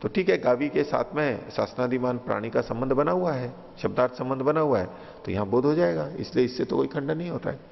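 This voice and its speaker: A man's voice: medium pitch, expressive, a little fast, creaky. A man lecturing on scripture line by line, reciting each verse and then explaining it with patient repetition. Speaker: teacher of philosophy. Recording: dull lo-fi recording in a reverberant hall.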